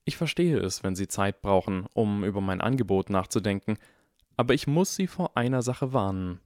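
A man's voice: fairly low pitch, animated, normal speed, a little mellow, dry recording, clean studio sound. A man voicing a clever eleven-year-old boy who talks in a cold, icy and precise way in an audiobook. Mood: calm warning.

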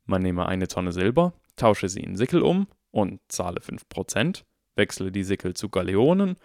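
A man reading an audiobook in calm, even, measured narration. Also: low-pitched, gravelly, no echo, clean studio sound. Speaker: audiobook reader. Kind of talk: scripted narration.

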